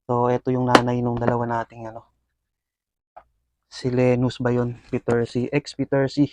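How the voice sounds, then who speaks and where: A medium-pitched man talking at a moderate pace hosts a casual feeding session for his pet scorpions, narrating eagerly to viewers with frequent fillers. The audio is dry.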